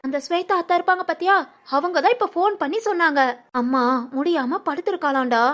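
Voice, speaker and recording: A woman voicing a fussing grandmother who scolds and coaxes in a sing-song way, for an animated family story. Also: very high voice, fairly quick. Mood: coaxing. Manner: scolding, coaxing, sing-song village talk.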